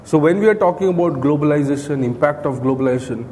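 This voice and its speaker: Talking fast, a middle-aged man with an Indian accent lectures a classroom from a podium next to a screen, working through points one by one and frequently asking "right?". This coaching lecturer has a fairly high, slightly mellow voice, recorded in an echoey room with clear background noise.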